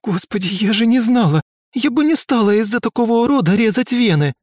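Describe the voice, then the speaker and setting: A man voicing a sulky, rude young woman who talks in a snappish, slangy way and turns shrill when upset. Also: sing-song, unhurried, darkish tone, slightly rough, no room sound, clean studio sound, full character voice. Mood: panicked.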